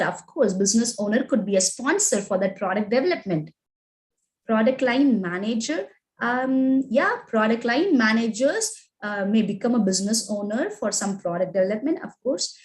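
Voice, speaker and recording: A woman with an Indian English accent and a mid-range, darkish voice teaches agile in a live online class, heard on a low-quality recording. She puts questions to her students, reads out what they type in chat and keeps inserting "right?" and "okay?".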